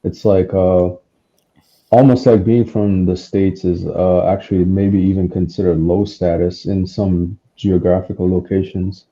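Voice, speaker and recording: A man rambles through a casual group chat, his speech full of fillers. His voice is low and very dark, and it comes through dull, muffled call audio. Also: flat delivery, measured pace.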